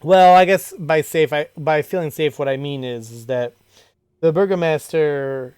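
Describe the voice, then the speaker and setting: A man's voice: fairly high pitch, moderate pace, darkish tone, clear, resonant tone, no room sound, clean studio sound. A man narrating as dungeon master of a tabletop game, rambling with restarts and fillers.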